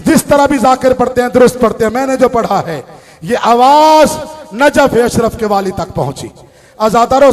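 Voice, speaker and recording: High-pitched lamenting male preacher. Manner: lamenting, drawn-out chanted delivery. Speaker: Shia cleric giving a mourning sermon. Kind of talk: impassioned mourning sermon. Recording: long reverb of a large hall.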